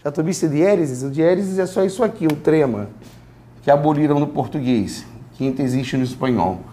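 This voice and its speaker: Male language teacher from Brazil, high voice, classroom lecture, drills pronunciation by repetition. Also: warm tone, a little hiss or hum. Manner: explains slowly, repeats words, asks students to repeat. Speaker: Spanish teacher.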